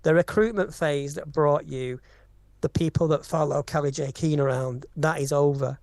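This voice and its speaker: A woman's voice: sits low, normal speed, darkish tone, no echo. Woman cohosting a live chat, opinionated and emphatic, pretty dry sound. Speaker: podcast co-host.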